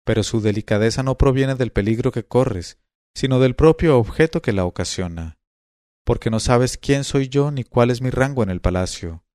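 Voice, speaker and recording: A man's voice: medium pitch, moderate pace, darkish tone, dry recording, studio quality, natural voice. A man reading the lines of a bold, teasing eighteen-year-old noblewoman in a storybook tale, in a playful, coaxing way.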